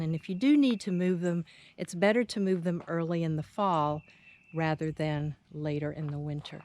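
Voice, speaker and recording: Slow-talking American woman giving a garden tour. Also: on the low side, darkish tone. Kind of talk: unscripted, informative tour narration. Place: outdoors in a home front garden. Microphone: handheld camera's built-in mic. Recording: outdoor handheld recording with ambient noise.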